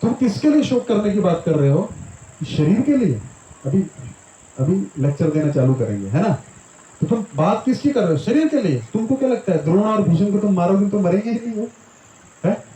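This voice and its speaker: A man leading a devotional scripture class, chanting Sanskrit verses slowly and then explaining them in conversational Hindi, often checking in with his listeners. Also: high voice, sing-song, warm tone. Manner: asks the audience questions, acts out little voices. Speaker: Gita teacher. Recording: roomy echo, faint hiss.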